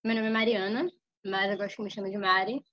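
A woman's voice: medium pitch, steady tone, fast, a little hiss or hum. A woman in her early twenties with a Bahian Brazilian accent and a slight lisp with slushy s sounds, chatting casually and slangily. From Ilhéus, Bahia, Brazil. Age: early 20s. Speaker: podcast co-host. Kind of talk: casual self-introduction. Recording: dull lo-fi audio.

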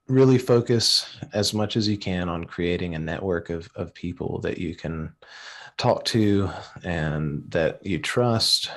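A man who is a guest on a live-streamed podcast, talking in a laid-back, halting way with many fillers. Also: on the low side. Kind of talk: casual live-stream chat.

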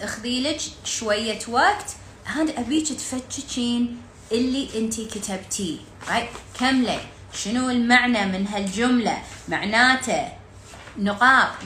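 A woman's voice: on the high side, sharp tone, reverberant, a little hiss or hum. A woman with a Gulf Arabic accent leading an interactive coaching workshop, firing rhetorical questions at her listeners and dropping English words into her talk.

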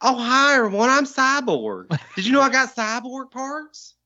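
A man's voice: very high voice, lively intonation, moderate pace, gravelly, sharp tone, highs cut off, pitched above the performer's own voice, full character voice. A man voicing a goofy male cyborg hero in a dopey, mock-friendly, half-robot voice during podcast banter.

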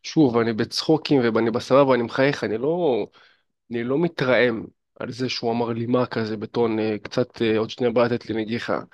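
Here a man with a medium-pitched, steady voice talks directly to the viewer about dating and fitness in a chatty, casual monologue full of fillers. Audio is dull and dry.

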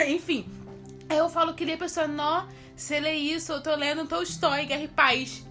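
A woman's voice: high-pitched, flat delivery, moderate pace, sharp tone, faint music behind. A young woman hosting a casual chat with friends, emphatic and teasing as she gives her opinions.

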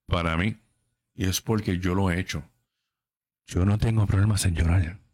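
A man's voice: sits low, steady tone, moderate pace, darkish tone. A man in his thirties talks straight to his listeners in a casual podcast. He is blunt and emphatic and swears freely. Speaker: podcast host. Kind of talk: casual livestream chat.

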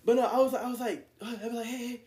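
A young man with a high-pitched voice tells a rambling story, scattering "like" everywhere and slipping into the voices of the people in it. The sound carries a noticeable echo from the room around him. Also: fast talker, a crowd in the background. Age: young adult. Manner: rambling, animated storytelling with lots of "like" and acted-out quotes. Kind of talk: casual storytelling chat.

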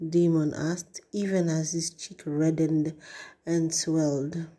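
A woman narrating an audiobook in a measured way, sometimes dropping to a breathy hush. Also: sits low, level tone. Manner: measured, with breathy hushed passages. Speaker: audiobook reader.

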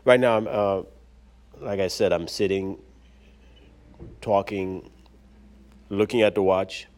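A man hosting his own podcast in a relaxed, chatty and upbeat way, sitting at his desk at work and recording straight into a smartwatch. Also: deep voice, takes it slowly. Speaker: podcast host. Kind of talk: casual solo podcast talk.

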